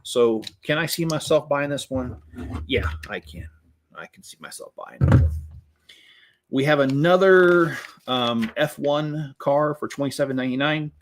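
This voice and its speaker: A man's voice: a little high, animated, measured pace, noisy background. A man hosting a Lego vlog, chatting casually and a little sarcastically while he builds and weighs up new sets. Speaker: Lego channel host.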